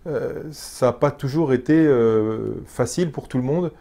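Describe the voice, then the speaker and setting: Guy preaching, chatty, keeps asking the crowd stuff, lots of restarts, mid pitch. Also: measured pace, vocal fry, warm tone. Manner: conversational, asks the congregation questions; frequent restarts and hesitations. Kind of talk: sermon.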